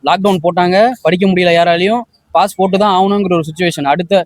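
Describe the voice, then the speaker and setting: Quick, high-voiced man. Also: fairly even intonation, dry recording, studio quality. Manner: heated, stumbling restarts. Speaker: interviewee. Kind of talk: casual opinion interview.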